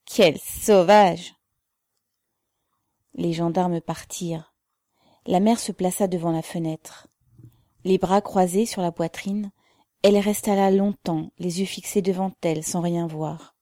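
A woman reading a classic novel aloud as narrator, slow and measured. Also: fairly low pitch, no echo, studio quality. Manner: slow, measured, dark-toned.

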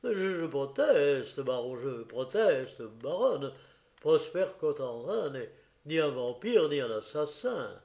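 A man's voice: a little high, moderate pace, few pauses, darkish tone, echoey room, natural voice. A man doing a stammering timid detective. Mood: indignant. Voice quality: stammering, flustered. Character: timid, naive young male private detective. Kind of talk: audiobook character reading.

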